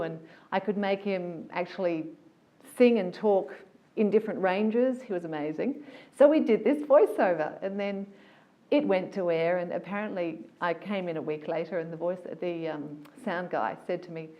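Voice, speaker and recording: A woman voiceover artist chats about her work with animated, enthusiastic energy. Her voice sits a little low for a woman. The recording sounds slightly dull and lo-fi. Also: normal speed. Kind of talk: casual interview talk.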